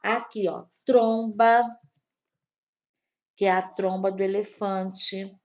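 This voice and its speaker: A woman teaching an online grammar lesson to young children, slow and patient, spelling out each word. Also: medium pitch, little pitch movement, muffled recording. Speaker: primary school teacher.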